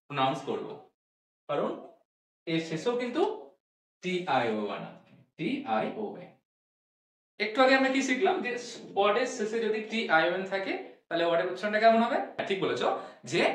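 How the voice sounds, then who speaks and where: A woman teaching English pronunciation to students. She asks questions and answers them herself, and she repeats each sound slowly. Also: mid-range voice, a bit bright, recorded from a distance. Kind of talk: classroom-style lesson. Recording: echoey room, voice from off-mic.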